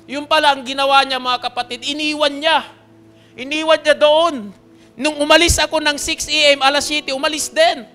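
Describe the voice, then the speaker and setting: High-voiced, bright male pastor preaching. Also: steady tone, moderate pace, faint music behind. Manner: earnest, often checks in with the congregation; swings between soft, hushed passages and loud, pleading ones. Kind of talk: personal testimony sermon.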